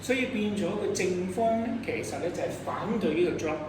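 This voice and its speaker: Speaking fairly quickly in a mid-range voice, this Hong Kong-accented debate coach teaches students about rebuttals, pausing to pose questions as the lesson goes on. The mic sits at a distance in a reverberant room, so the audio is noisy and echoey.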